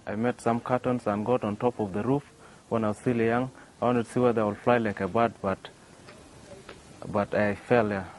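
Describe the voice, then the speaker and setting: Standing outside near a workshop, a young adult man from South Sudan, an inventor, responds haltingly to an interviewer with frequent restarts and a filler "yeah." He speaks at normal speed in a steady, lowish voice, and the audio is poor, with faint outdoor noise.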